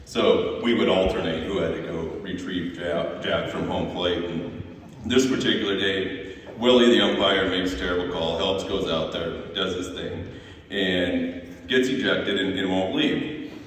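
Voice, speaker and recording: A man's voice: deep voice, steady tone, unhurried, a bit bright, slight background noise. A man from Montana giving a memorial tribute as a former assistant coach, telling anecdotes with chuckles and frequent restarts. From Montana, USA. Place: large echoey hall at a memorial service. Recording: echoey hall, voice from far off.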